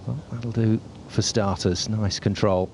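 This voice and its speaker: A man's voice: fairly low pitch, steady tone, a little slow, darkish tone, a little hiss or hum. A man working as a golf commentator, describing tournament play as it happens.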